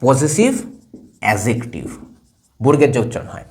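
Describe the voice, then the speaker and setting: A man's voice: medium pitch, normal speed. Guy teaching grammar at a board, voice jumps up and down a lot, keeps asking if you got it. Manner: lively, asks checking questions again and again. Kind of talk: classroom lesson at a whiteboard.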